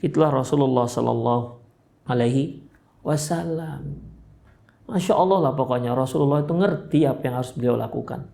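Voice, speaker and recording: A man's voice: mid-range voice, fairly quick, creaky, mellow. A man with a Medan accent giving a study sermon in a mosque, acting out quoted speech with big jumps in his voice. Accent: Medan Indonesian. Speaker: preacher.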